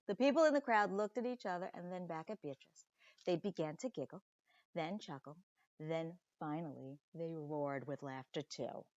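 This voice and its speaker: Reading a children's story aloud in a fairly low, slightly mellow voice, a woman sounds like a teacher, pausing dramatically and chatting to young listeners between lines. The audio is dull and has no room sound.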